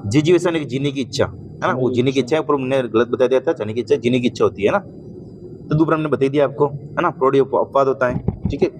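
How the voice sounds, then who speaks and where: A man teaches a grammar lesson at a patient pace, often pausing to check whether his students follow. His voice sits at an ordinary middle pitch. A steady noise runs under the recording. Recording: noisy recording.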